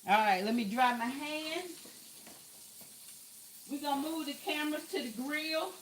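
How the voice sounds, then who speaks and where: A cooking vlogger chats casually with her viewers from her home kitchen, calling them "y'all" and gushing over the food. Her voice is high and a bit slow, with faint hiss or hum in the background.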